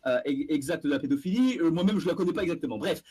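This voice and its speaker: A husky man in a heated voice-chat debate, pitched a little higher than most men. He argues his case, stumbles over repeated words and teases the people pushing back at him. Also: expressive, quick pace, mellow. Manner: argumentative, stammers and repeats words, teasing. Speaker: streamer defending his views.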